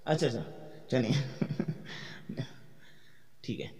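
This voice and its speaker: A man's voice: mid-range voice, a little mellow. Man teaching in a reverberant hall. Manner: explains step by step, asks the class questions, chants verses slowly. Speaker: Quran teacher. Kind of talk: tafsir lecture.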